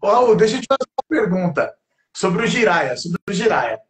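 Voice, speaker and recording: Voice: medium pitch, big pitch swings, brisk, reverberant. A host with a Brazilian Portuguese accent asking eager questions in a casual interview.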